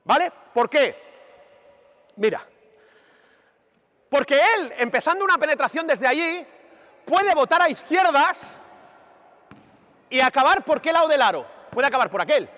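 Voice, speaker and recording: Animated man coaching in an echoing gym. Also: very high-pitched, measured pace, pauses often. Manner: animated and emphatic, drilling players with constant questions. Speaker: basketball coach running a clinic. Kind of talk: on-court coaching demonstration. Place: large indoor sports hall. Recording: reverberant gym recorded from a distance.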